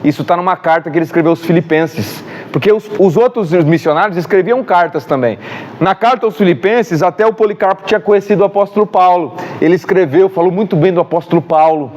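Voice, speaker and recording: A man's voice: high voice, fast. A man with a Brazilian Portuguese accent teaching a church Bible class, telling stories animatedly and acting out the dialogue. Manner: animated storyteller, acts out dialogue.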